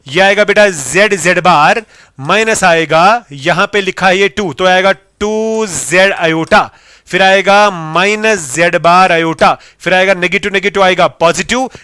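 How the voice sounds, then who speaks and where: Male maths tutor, high and bright, patient and repetitive, dry close mic. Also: clear, resonant tone, no room sound. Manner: addresses students as "beta", repeats steps, mixes Hindi and English; dictates formulas slowly, explains in quick bursts. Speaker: maths teacher. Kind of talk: exam solution lesson.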